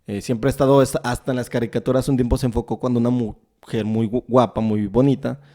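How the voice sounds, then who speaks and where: A man with a Mexican accent hosts a podcast in casual chat. His voice is dark and mellow, with an ordinary pitch. He talks at length and retells scenes full of filler words. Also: fairly even intonation, fairly quick. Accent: Mexican Spanish. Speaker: podcast host interviewing a guest.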